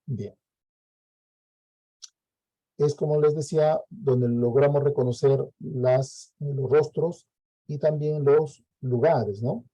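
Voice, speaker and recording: Peruvian male teacher, very dark mellow tone, dry close sound, lecture pace with tag questions. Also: mid-range voice, fairly even intonation, takes it slowly, pauses often, no echo, low-quality recording. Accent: Peruvian Spanish. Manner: explains with frequent "¿no?" checks and fillers.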